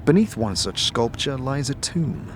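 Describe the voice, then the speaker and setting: In a mid-range voice with lively intonation and a measured pace, a man serves as game master, giving dramatic scripted fantasy narration told descriptively in the second person. The recording is clear, with ambience and background noise.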